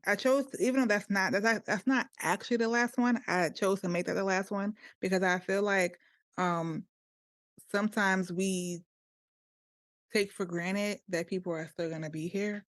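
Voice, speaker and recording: A young woman co-hosting a podcast, chatting casually and telling family stories, at times going quiet and soft. Her voice is mid-pitched and sounds dry, with no room around it. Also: moderate pace, no echo. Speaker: podcast co-host. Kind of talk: casual chat.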